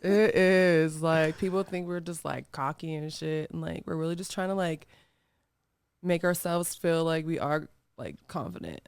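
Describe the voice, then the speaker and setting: A woman's voice: low voice, animated, moderate pace, clean tone, dry recording, studio quality. Bubbly giggly woman in her thirties. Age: 30s. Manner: bubbly, giggly, lots of "like", swears casually. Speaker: podcast host. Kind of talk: casual podcast chat.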